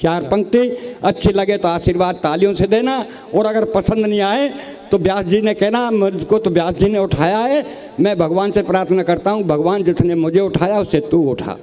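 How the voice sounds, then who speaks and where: High-voiced comic poet. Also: male voice, normal speed, warm tone. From Rajasthan. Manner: storytelling with quoted dialogue, addresses audience as bhai sahab. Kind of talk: humorous poem recital on stage.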